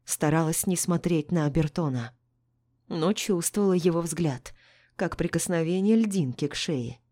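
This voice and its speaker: A woman narrating a novel in the first person in a measured, tense manner. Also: sits low, dark tone. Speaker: audiobook narrator.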